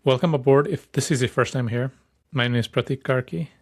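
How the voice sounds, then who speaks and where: A man's voice: medium pitch, brisk. A young man from Nepal hosting a solo podcast, upbeat and enthusiastic, often restarting words mid-sentence. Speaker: podcast host.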